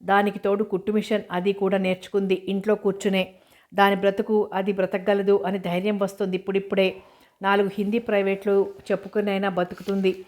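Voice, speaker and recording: A woman's voice: medium pitch, flat delivery, fairly quick, darkish tone, close to an everyday voice. A woman reading the lines of a kindly older mother who praises her daughter's friend. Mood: fond.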